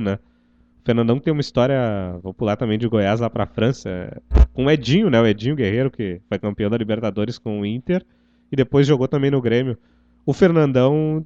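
A man's voice: medium pitch, mellow, no room sound. A man chatting casually about football as a show commentator, telling anecdotes and repeating himself for emphasis. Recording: dull, lo-fi microphone sound.

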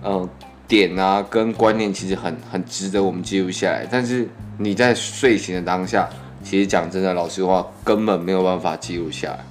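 A young man with a Taiwanese Mandarin accent speaks in a low register. His words are a little thick and muffled, as he talks with braces on. He hosts casually, in a laid-back, joking way. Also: steady tone, a little fast, faint music behind. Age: 20s. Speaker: podcast host. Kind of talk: casual chat.

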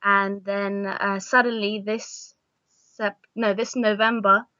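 A woman's voice: medium pitch, level tone, slow pace, sharp tone, no echo. Young female missionary guest from Argentina, hesitant and full of fillers, dry muffled recording. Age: young adult. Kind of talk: casual interview.

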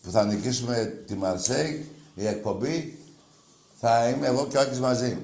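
A man hosting a rowdy sports call-in show, taking calls brashly, mocking callers crudely and breaking into loud outbursts. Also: medium pitch, vocal fry, echoey room. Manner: brash, crude and mocking, with sudden shouting bursts. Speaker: radio call-in show host. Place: radio studio.

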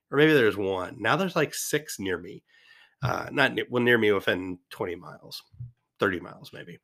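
Speaking in a fairly low, pushed and bright voice, a podcast host in his fifties rambles eagerly through a casual monologue, filling it with lots of fillers.

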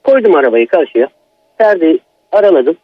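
A man's voice: on the high side, big pitch swings, moderate pace, no room sound, highs cut off. A man calling in to tell a personal horror story, in an agitated, emphatic manner. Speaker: caller.

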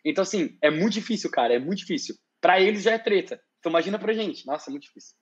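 A man's voice: sits high, expressive, very fast. Rambling São man on dull call audio. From Brazil. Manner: rambling, with many restarts and slang fillers. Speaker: interview guest. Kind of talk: casual live-stream chat.

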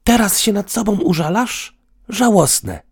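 A man's voice: sits high, big pitch swings, unhurried, gravelly, mellow, voice pushed up, exaggerated voice. A man voicing an irritable, sarcastic young woman in an audiobook, with a raised, tense delivery. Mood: angry. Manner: sarcastic, combative. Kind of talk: audiobook dialogue.

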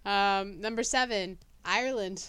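A young woman with a bright voice trades playful, teasing banter on a casual podcast. She reads out a ranked list in between, and her voice sounds close and dry. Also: medium pitch, unhurried, clear, resonant tone, no echo. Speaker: podcast co-host.

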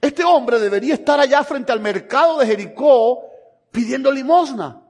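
Fervent high-voiced male preacher in hall. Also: lively intonation, moderate pace. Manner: fervent, swinging between hushed and shouted. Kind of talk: sermon. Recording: long hall reverb.

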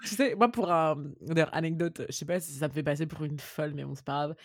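A woman's voice: low voice, fast, dry recording. Woman podcast host, dry sound, playful, keeps cutting her own sentences off, super casual. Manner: informal, self-interrupting, playful. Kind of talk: casual chat.

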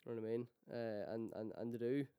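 A man's voice: mid-range voice, level tone, fast, warm tone, smooth, no room sound, studio quality. A man from County Donegal with a Donegal Irish accent, chatting casually and often repeating words as he gets his sentences started. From County Donegal, Ireland. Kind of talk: casual chat.

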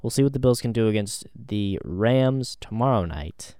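A man's voice: fairly low pitch, expressive, moderate pace, dark tone, smooth, dry recording, studio quality. A man co-hosting a podcast, chatting casually about football with an easygoing, hedging manner full of ums and restarts. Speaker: podcast co-host. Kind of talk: casual sports chat.

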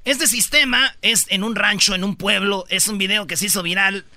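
A Mexican man hosts a joking radio countdown in a high, very bright voice, full of slang and little acted-out quotes. The studio sound is dry and close. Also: moderate pace, dry recording. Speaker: radio show host. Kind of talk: comedic radio countdown chat.

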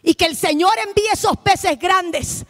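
A woman preaching a missionary sermon, impassioned, swinging between shouted lines and hushed ones. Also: very high-pitched, a little slow.

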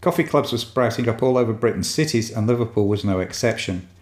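A man hosting a podcast, reading a scripted history narration in a measured, even way. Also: mid-range voice, echoey room. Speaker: podcast host.

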